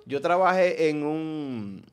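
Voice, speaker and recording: A man's voice: a little high, expressive, takes it slowly, smooth. A man hosting a casual chat, telling funny stories with lots of laughter and acted-out voices. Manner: storytelling, laughs often, acts out voices. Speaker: podcast host.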